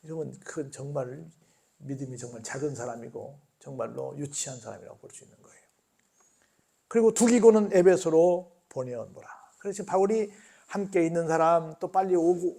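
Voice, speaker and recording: A male pastor giving a sermon, acting out quoted lines and swinging between loud outbursts and hushed asides. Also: fairly high pitch, vocal fry, husky. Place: church.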